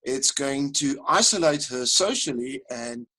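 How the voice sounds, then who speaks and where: A man's voice: mid-range voice, unhurried, slightly rough, low-quality recording. A man teaching a live online coaching webinar, talking straight to his audience and counting them in. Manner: animated, addresses audience directly, counts them in. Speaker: life coach and webinar presenter. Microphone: video call.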